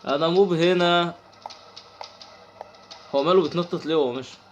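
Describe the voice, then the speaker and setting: With lo-fi sound and faint music behind him, a young man with an Egyptian Arabic accent talks briskly in a somewhat high voice. He runs a gaming channel and narrates his own horror playthrough, muttering to himself and yelping at scares.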